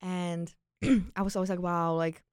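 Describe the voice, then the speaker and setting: Steady and lowish, at a moderate pace, a young Czech woman's clean voice comes through a dry studio recording. She grew up in Prague, was an exchange student, and now tells personal stories as an interview guest in a casual, Czech-accented way, heavy on "like" and quoted thoughts.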